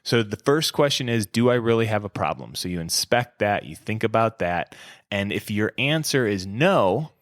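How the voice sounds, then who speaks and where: Candid low-voiced male podcast host. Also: lively intonation, moderate pace, no echo, studio quality. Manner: candid, reflective, conversational. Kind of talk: casual solo podcast talk.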